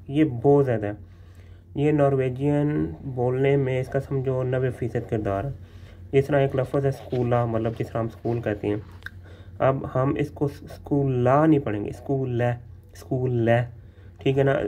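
A man teaching letter sounds in a casual spoken lesson, repeating each sound slowly and often checking in with the listener. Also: medium pitch, darkish tone. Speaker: language teacher.

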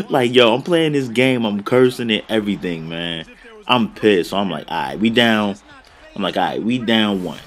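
Slangy young man. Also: lowish voice. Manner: slangy, excitable, frustrated play-by-play. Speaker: gaming commentator. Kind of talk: casual video game commentary.

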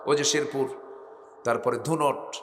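Booming Bengali preacher on loudspeaker. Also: male voice, fairly even intonation, measured pace, roomy sound, slight background noise. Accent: North Bengal Bangla. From Bogura, Bangladesh. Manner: calls on the crowd to answer, swings between soft talk and shouted cries. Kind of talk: Bengali waz sermon.

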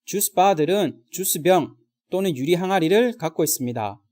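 A man teaching vocabulary in a recorded lesson, speaking straight to viewers and drilling slow example sentences. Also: high voice, lively intonation, warm tone.

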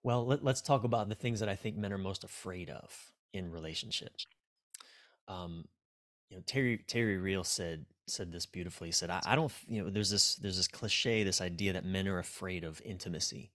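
This man's voice sits low and a bit bright, at a normal speed. He's an American relationship coach in his forties, a podcast guest giving a loose, honest interview, reflective and fond of swearing, on a video call from a small dim room.

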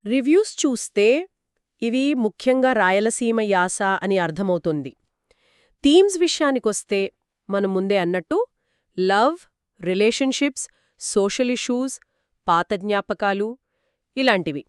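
A woman's voice: medium pitch, lively intonation, a little slow, long pauses, clear, resonant tone, no echo, clean studio sound. A woman co-hosting a book discussion podcast, explaining and summing up reader reviews. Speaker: podcast co-host.

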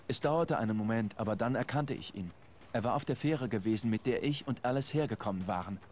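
Man acting a brooding narrator, mid-pitched. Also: a little mellow, a little hiss or hum, natural voice. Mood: brooding, grave. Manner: measured, serious storytelling. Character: brooding, suspicious male writer recounting his ordeal. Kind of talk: scripted first-person game narration.

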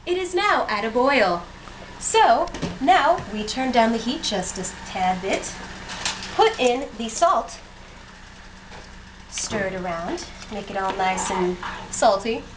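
Filmed on a handheld camera whose mic moves with her, this young woman cooks in a cramped home kitchen and jokes her way through a chatty demonstration, often poking fun at herself as she moves around. Her voice is on the high side, slow, with big swings in pitch, and the home recording is noisy.

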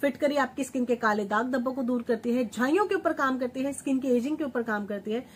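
A woman's voice: sits high, fast, slight background noise. A woman hosting her own home remedy vlog, chatting like an older sister to her viewers and repeating words for emphasis while she grinds and sieves at home. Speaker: home remedy vlogger, channel host. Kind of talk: chatty beauty tips vlog.

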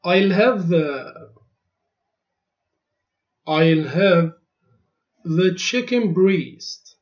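Slow, deliberate man drilling phrases. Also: high voice, expressive. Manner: each phrase spoken twice, clearly and deliberately. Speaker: language teacher. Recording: dull lo-fi recording.

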